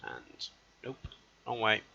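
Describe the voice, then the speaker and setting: A man's voice: fairly low pitch, sing-song, slow pace, gravelly, sharp tone, husky. A man giving casual let's-play commentary, thinking aloud as he plays and often correcting himself mid-sentence. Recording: dull lo-fi recording.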